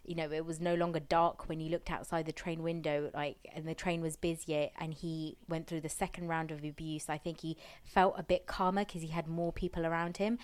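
A young woman with a slightly low voice tells a story in a loose, casual way. She rambles, fills gaps with "like" and "you know", and often restarts her sentences. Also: flat delivery, a little fast, hardly any pauses, clear, resonant tone. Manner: rambling, many fillers and restarts. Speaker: podcast host.

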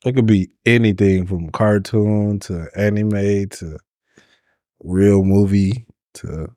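A man's voice: on the low side, fairly even intonation, slow pace, warm tone, dry recording, studio quality. A man bantering casually, with blunt, slangy and profane remarks.

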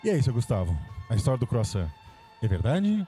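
A man's voice: medium pitch, a little fast, soft background music. A man from São Paulo with a São Paulo accent, co-hosting a casual chat and telling history trivia playfully. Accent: Brazilian Portuguese, São Paulo. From São Paulo, Brazil. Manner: playful, animated storytelling. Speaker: podcast co-host.

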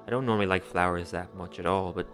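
In a dark-comic radio play, a man performs a young man recalling a doomed love affair, speaking low and fast. His storytelling is wistful, frank and plain-spoken, staying blunt even when the language turns poetic. Music plays clearly behind him.

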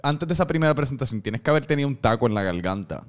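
Playful male podcast host, smooth resonant voice. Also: mid-range voice, lively intonation, very fast. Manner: joking, playful, teasing. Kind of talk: casual interview chat.

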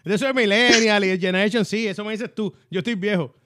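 Fast, high-voiced Puerto Rican man. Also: no room sound, studio quality. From Puerto Rico. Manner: animated, often asks "¿ah?" for agreement. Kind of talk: casual faith chat.

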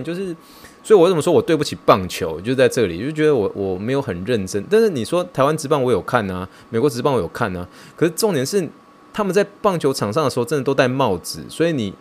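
A man hosting a podcast, talking in a casual, excitable and self-mocking way, mixing in English words. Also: medium pitch. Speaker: podcast host.

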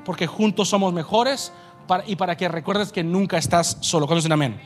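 A man's voice: sits high, a little fast, faint music behind. A male pastor preaching a sermon in a church, emphatic and conversational, often checking in with the congregation. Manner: emphatic preaching with frequent "¿verdad?" asides. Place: church sanctuary.

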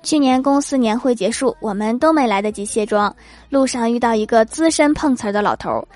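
A woman's voice: fairly high pitch, brisk, faint music behind. Wry young woman telling comic stories. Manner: lively, wry storytelling. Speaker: comedian. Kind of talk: comic monologue.

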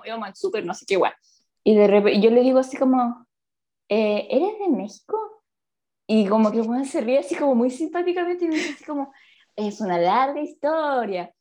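Speaking briskly in a high voice, a woman in her twenties with a Chilean accent spins a story during a relaxed conversation. She's lively, slangy, and laughs a lot.

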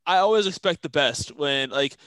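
Male podcast host, bright and a touch high, rambling and fast, dry close sound. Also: lively intonation, clear, resonant tone, no echo, low-quality recording. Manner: quick, rambling talk with restarts. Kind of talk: casual chat.

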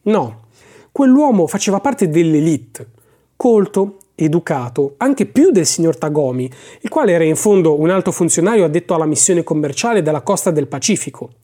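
An audiobook narrator giving a measured, expressive reading of a novel chapter. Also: mid-range voice.

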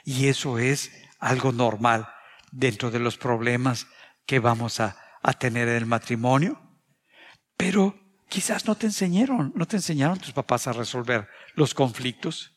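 Earnest Mexican preacher in a reverberant hall. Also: male voice, mid-range voice, animated, normal speed. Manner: earnest, confessional, tells personal anecdotes. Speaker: pastor. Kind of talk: sermon.

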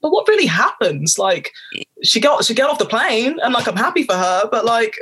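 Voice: mid-range voice, very animated, moderate pace, sharp tone, breathy edge. A guest with a British accent on a podcast, talking candidly in a rambling, chatty way with frequent laughs. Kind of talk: casual podcast chat.

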